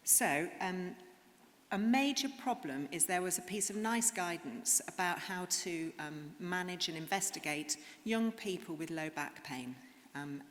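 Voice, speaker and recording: Woman speaker at a medical conference, lowish voice, earnest, stage mic in a big echoing hall. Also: a bit bright. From England. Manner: earnest, explanatory, with frequent ums. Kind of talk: conference talk. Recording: reverberant hall, faint noise.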